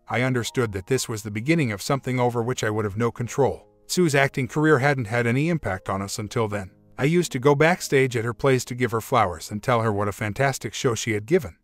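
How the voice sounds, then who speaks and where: A man narrating a first-person relationship story in a steady, even storytelling manner. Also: medium pitch, dry recording. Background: faint music.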